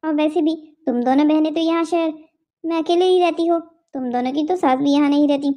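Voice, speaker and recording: A woman's voice: high voice, a little fast, warm tone, natural voice. Woman voicing a frank, sensible young friend. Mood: advising. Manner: frank, advising.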